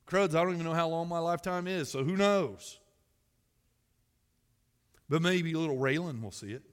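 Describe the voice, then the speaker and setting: A man preaching a sermon to his church, reading scripture loudly and then dropping to quiet, personal musing. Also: fairly high pitch, normal speed, clean tone, in a large hall. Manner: animated, swings between loud scripture reading and quiet musing. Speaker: pastor. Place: church sanctuary.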